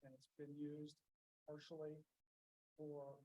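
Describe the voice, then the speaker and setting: A man testifying as a property owner at a public hearing, plain-spoken and halting, often repeating his words. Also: on the high side, monotone, dark tone, slight background noise, low-quality recording.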